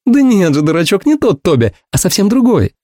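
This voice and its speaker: A man's voice: big pitch swings, fairly quick, mellow, no room sound, clean studio sound. A man voicing a chattering young woman in an audiobook, piercing and effusive, showering endearments. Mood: gushing. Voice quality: piercing shrill voice. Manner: effusive, sprinkles every phrase with endearments. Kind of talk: audiobook character voice.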